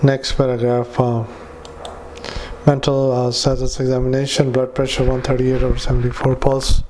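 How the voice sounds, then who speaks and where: A clinician dictating a patient report into a dictaphone, halting with frequent filler sounds and restarts. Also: male voice, mid-range voice, monotone, darkish tone, a little hiss or hum. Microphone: handheld dictaphone.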